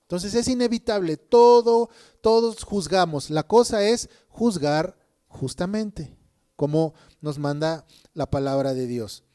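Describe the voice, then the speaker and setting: A man's voice: sits high, animated, takes it slowly, smooth. A man preaching a sermon, emphatic, often checking in with listeners. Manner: says people think he is shouting.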